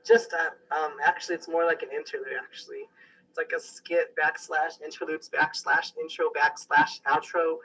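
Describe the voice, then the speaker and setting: A man's voice: a little high, flat delivery, normal speed, bright, forceful tone, distant mic, slight background noise, rough recording. A young man casually introducing his mixtape tracks, joking and boasting, getting over a sickness. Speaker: amateur rapper presenting his mixtape.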